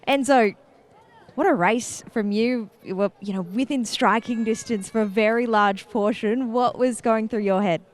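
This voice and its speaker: A woman interviewing race drivers after a race, upbeat and quick with her questions. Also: fairly high pitch. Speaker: pit lane interviewer.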